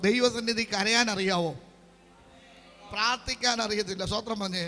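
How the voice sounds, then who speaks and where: A Malayali-accented man preaching a charismatic sermon as pastor, swinging between loud proclaiming and quiet asides, repeating praise calls over and over. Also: high voice, steady tone, normal speed, in a large hall. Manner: rises to loud proclaiming, then drops to quiet conversational asides; repeats call-and-response praise words constantly.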